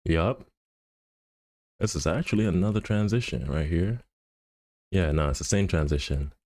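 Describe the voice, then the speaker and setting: A man's voice: sits low, moderate pace, a little mellow, no room sound. A man streaming live, thinking aloud and muttering to himself as he edits an animation in a casual, laid-back way. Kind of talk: casual livestream commentary while animating.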